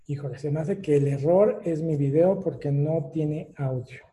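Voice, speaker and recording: A man's voice: on the high side, normal speed, dark tone, slight background noise. A man with a Mexican accent giving an online lecture. He explains things step by step and often adds fillers and little tag questions. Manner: explanatory, with many fillers and rhetorical tags.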